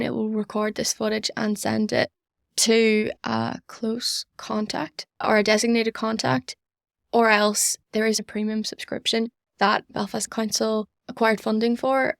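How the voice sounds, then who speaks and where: A young woman with a Northern Irish accent, a student society member appearing as a podcast guest, answers earnestly and enthusiastically. Her voice is on the high side and gravelly, with clean studio sound and no room sound.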